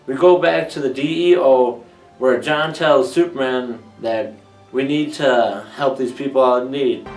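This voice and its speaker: A man's voice: medium pitch, fairly even intonation, a little mellow. Male reviewer, casual recap, jokey, roomy and distant, music bed. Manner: joking, acts out characters in quick throwaway voices. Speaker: TV episode reviewer.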